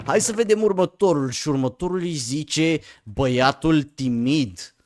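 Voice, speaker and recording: A young man giving excited gameplay commentary, talking straight to viewers and swinging from hushed murmurs to sudden yelps. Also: a little high. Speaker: gaming YouTuber. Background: game music.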